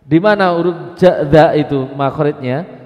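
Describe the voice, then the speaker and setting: Male recitation teacher, high voice, measured delivery, reverberant mosque hall. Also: a little mellow. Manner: drawn-out chanted recitation examples between quick explanations. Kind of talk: mosque study class lesson.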